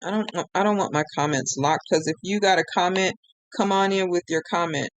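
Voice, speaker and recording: A woman's voice: lowish voice, fairly even intonation, a little fast. A woman ranting on a live stream, frustrated and close to tears, rambling with many restarts. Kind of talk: emotional live-stream rant.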